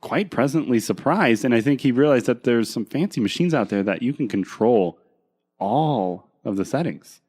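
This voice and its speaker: A man's voice: mid-range voice, animated, moderate pace, darkish tone, breathy edge. A man co-hosting a podcast in casual chat, teasing and laughing with his co-host.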